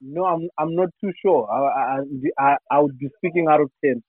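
A man's voice: a little high, moderate pace, dry recording. Stammering man over a tinny phone line. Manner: hesitant, stammering restarts. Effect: heard over the phone. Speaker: comedian phoning in. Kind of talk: casual call-in chat.

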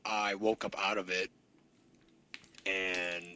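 A man co-hosts a casual podcast with dry, deadpan humor. His voice sits low but sounds bright and forward. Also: slow pace. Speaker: podcast co-host.

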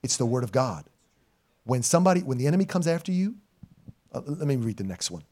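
A middle-aged male pastor preaches in a church sanctuary, swinging from loud, emphatic exhortation to quiet, intimate asides and dropping in informal slang. His mid-range voice is sing-song and quick. The audio comes from a live stream church mic.

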